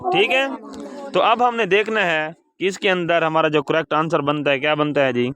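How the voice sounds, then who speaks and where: Addressing the pupils as "beta", a teacher spells out English words letter by letter and has the class repeat them in a call-and-response lesson. The voice is mid-range and fairly bright, at a moderate pace, with no room sound.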